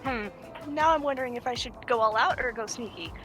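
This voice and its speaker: A woman playing in a tabletop role-playing game, excitable and playful. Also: a little high, fast, soft background music. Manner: excitable and playful, cheers and laughs often. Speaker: player.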